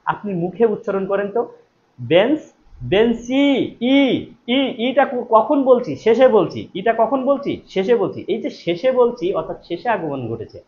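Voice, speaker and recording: A man's voice: high voice, very animated, normal speed, a little mellow. A man teaching a live online exam-prep class, repeating each question and then answering it himself, stressing key words. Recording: dull lo-fi stream audio with faint noise.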